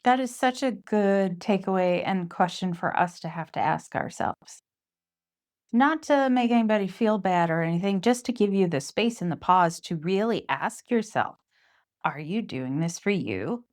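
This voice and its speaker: A woman's voice: medium pitch, lively intonation, normal speed, darkish tone. A woman hosting a podcast interview, enthusiastic and affirming toward her guest. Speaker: podcast host.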